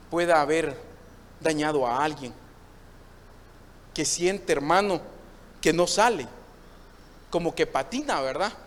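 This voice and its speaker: A man's voice: high voice, a little hiss or hum. A man who is a pastor, preaching a sermon and repeatedly calling out to his listeners as brother, recorded in a church. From Honduras. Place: church hall. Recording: long church reverb.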